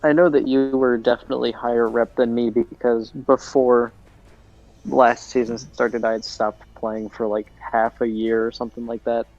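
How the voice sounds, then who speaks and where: A man's voice: mid-range voice, little pitch movement, normal speed, darkish tone, highs cut off, faint music behind. A man chatting with a friend while playing a game, joking and giving strong opinions. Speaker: friend and guest player. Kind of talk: casual chat while playing.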